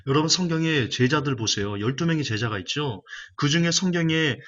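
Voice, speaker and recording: A man's voice: a little high, lively intonation, a little fast, a bit bright, highs cut off. A male pastor preaching a sermon with emphatic repetition of key phrases.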